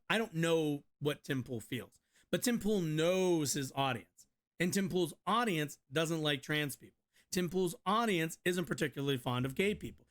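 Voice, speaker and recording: A man's voice: on the high side, a bit bright. A man hosting a live stream, reacting to clips with blunt, mocking political commentary full of fillers and restarts.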